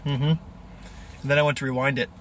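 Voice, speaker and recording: A man's voice: mid-range voice, level tone, brisk, slight background noise. A man in his thirties chatting to camera as a vlogger inside a car, loose and rambling. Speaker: film photography vlogger. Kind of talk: casual chat to camera. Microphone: camera mic at arm's length.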